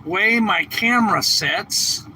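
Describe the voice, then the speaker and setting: The host of a homestead channel livestreams casually from his truck on a hand-held phone camera, chatty and rambling as he fumbles with gear. He sounds a bit congested from a lingering cough. He talks slowly in a high, sharp voice, and the poor audio has a little hiss or hum.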